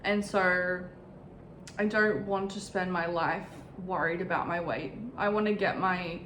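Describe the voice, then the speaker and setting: Woman, twenties, unhurried and candid, reflective vlogger talking from her bedroom, mid-range voice. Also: medium pitch, fairly bright tone, reverberant, a little hiss or hum. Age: 20s. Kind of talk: casual personal vlog. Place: bedroom in her new home.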